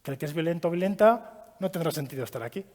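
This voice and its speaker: A man giving a training talk to an audience, lively and asking them questions as he goes. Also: on the high side, fast talker. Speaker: trainer giving a child-protection course. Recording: long hall reverb.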